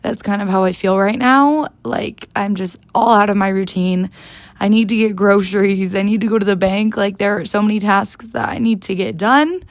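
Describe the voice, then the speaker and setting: A young woman hosting her podcast with a hoarse, gravelly rasp to her voice. She rambles in a chatty, casual way, dropping "like" constantly. The sound is close and dry. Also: medium pitch, normal speed, no room sound. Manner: chatty, rambling, heavy use of "like". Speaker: podcast host. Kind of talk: casual solo chat.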